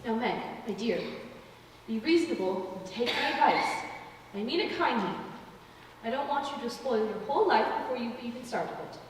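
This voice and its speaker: Woman acting a haughty, high-voiced old aunt, echoey stage. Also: animated, brisk. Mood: coaxing, disdainful. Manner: imperious, indignant. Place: theater stage, recorded from the audience area. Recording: roomy theater, distant mic, faint noise.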